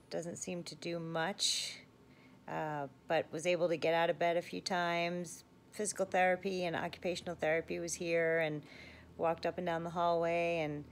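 A middle-aged woman talks in a fairly low voice, sounding weak and sore after surgery. Her delivery is subdued and halting, like a casual diary entry recorded on a phone, with faint room noise. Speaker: patient vlogger. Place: hospital room, lying in bed. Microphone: phone at arm's length.

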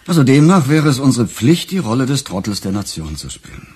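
A man performs a bitter, sarcastic police detective for a radio crime drama, his husky voice defensive and emphatic. The pitch sits mid-range but swings widely, and he talks a little fast. The sound is a little mellow.

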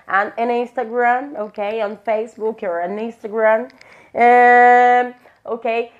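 A Brazilian woman with a Brazilian Portuguese accent teaching an online English lesson, switching between Portuguese and English, repeating each example slowly and checking in with "ok?". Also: fairly high pitch, lo-fi sound. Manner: ends phrases with a checking "ok?".

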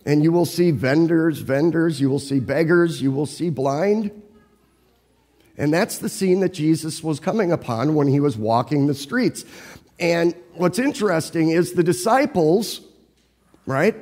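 Pastor preaching in an echoing hall. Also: male voice, on the high side, a little mellow. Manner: conversational storytelling, asking listeners questions. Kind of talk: sermon.

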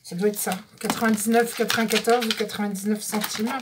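A woman's voice: medium pitch, flat delivery, a little fast, background noise. A woman vlogger chatting casually through a craft supply haul, describing each item one by one and correcting herself as she goes. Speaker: scrapbooking vlogger.

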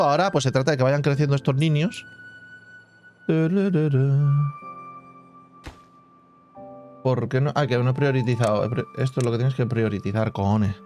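A man's voice: medium pitch, fast talker, few pauses, darkish tone, soft background music. A man casually commenting on his own gameplay as a channel host, thinking aloud and humming little sound effects. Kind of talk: casual let's-play commentary.

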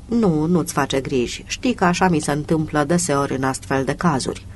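A reader voicing a tired, gruff middle-aged male police commissioner who speaks in short, curt lines in an audiobook. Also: medium pitch, slight background noise, lightly acted.

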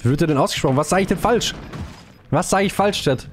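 A young man streaming a shooter game live, chatting casually with viewers in a slangy, excitable way, with gunfire from the game behind him. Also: on the high side, fast talker, faint music behind.

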